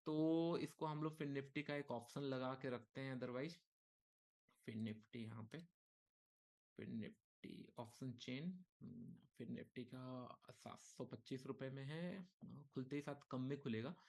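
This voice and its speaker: A man leading a live market lesson, talking casually and thinking aloud, with frequent okays and short pauses. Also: mid-range voice, vocal fry, darkish tone. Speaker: trading instructor. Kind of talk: live market teaching session.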